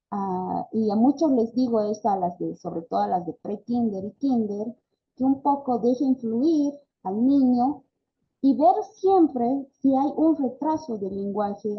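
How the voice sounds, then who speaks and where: A woman teaches a speech therapy class in a slightly breathy, husky voice. She keeps restarting her phrases and checks in with her listeners as she goes. Her voice sits in a middle range, and the recording sounds dull and lo-fi. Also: medium pitch. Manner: frequent self-corrections and tag questions. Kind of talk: online class lecture. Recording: dull lo-fi audio.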